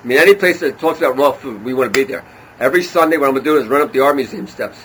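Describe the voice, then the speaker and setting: A man in his sixties, a guest in a casual interview, who talks in an excitable, enthusiastic way. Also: medium pitch, rapid-fire, slight background noise, low-quality recording. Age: 60s.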